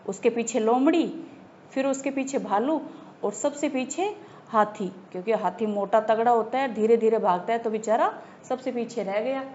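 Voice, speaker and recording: Woman teacher telling a kids story, keeps quizzing the class, slow and kinda high voice, dull lo-fi audio. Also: a little hiss or hum. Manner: asks pupils questions and repeats points. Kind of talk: storytelling lesson for children.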